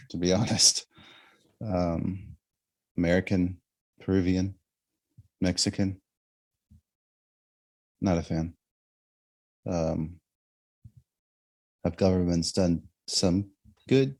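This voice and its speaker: A man co-hosting a podcast in casual conversation, blunt and quick with his asides. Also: sits low, little pitch movement, a little mellow. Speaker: podcast co-host.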